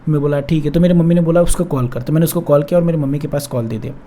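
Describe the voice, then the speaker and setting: Young guy spilling his own heartbreak story, high voice, talks super fast. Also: warm tone, a little hiss or hum. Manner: emotional, confessional, repeats himself. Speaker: relationship coach. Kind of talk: personal storytelling to camera.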